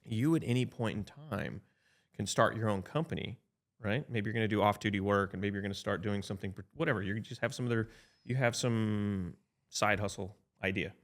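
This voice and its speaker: A man of about fifty, an insurance advisor, explaining coverage in a relaxed podcast chat, often checking in with "right?" and restarting sentences. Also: on the low side, brisk. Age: 50s. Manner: chatty, frequent "right?" tag checks and restarts.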